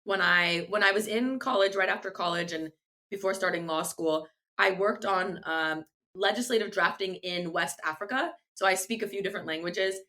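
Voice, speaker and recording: A legal tech founder whose first language is Farsi answers interview questions as a guest, earnest and thoughtful but frequently restarting her sentences. She has a mid-range voice with a sharp tone and speaks at a moderate pace.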